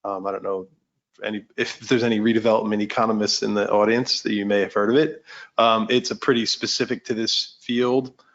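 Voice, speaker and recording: A man's voice: on the low side, steady tone, brisk, muffled recording. A man moderating a casual meeting discussion, chatty with many fillers and restarts.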